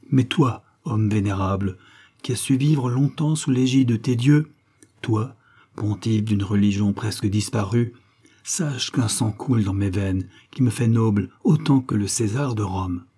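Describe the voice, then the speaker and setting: A man's voice: lowish voice, dark tone, husky. A man voicing a proud, worn-out royal woman in exile, declaiming in a lofty, solemn way.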